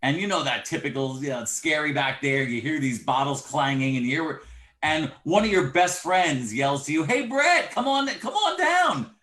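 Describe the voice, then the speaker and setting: A man's voice: medium pitch, normal speed, a bit bright, reverberant. A man coaching fellow practitioners in a casual livestream discussion, explaining his points through vivid analogies.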